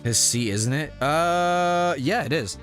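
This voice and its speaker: A man's voice: a little high, lively intonation, takes it slowly, music in the background. A man doing an earnest young lawyer. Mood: firm. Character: nervous young male defense lawyer.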